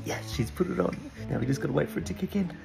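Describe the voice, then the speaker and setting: A man's voice: a little high, rapid-fire, creaky, over loud music. A young man, hosting a prank video, narrating and teasing with frequent laughter. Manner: teasing, laughs often, mocking. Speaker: prank channel host. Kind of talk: playful narration and banter. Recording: echoey room.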